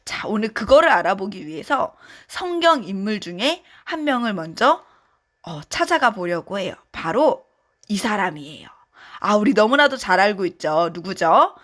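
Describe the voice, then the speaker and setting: A woman teaching a children's sermon, telling a Bible story in an animated, friendly way that speaks straight to the kids. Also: medium pitch, moderate pace.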